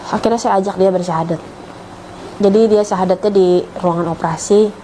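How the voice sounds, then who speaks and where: A woman's voice: medium pitch, fairly even intonation, a little fast, mellow, a little hiss or hum, poor audio. A middle-aged woman, earnestly telling her personal story with emotion. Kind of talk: personal testimony.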